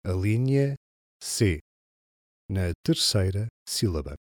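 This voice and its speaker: Slow, deliberate male test narrator. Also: deep voice, big pitch swings, dry recording, clean studio sound. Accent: European Portuguese. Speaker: exam narrator. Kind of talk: scripted narration of a listening test.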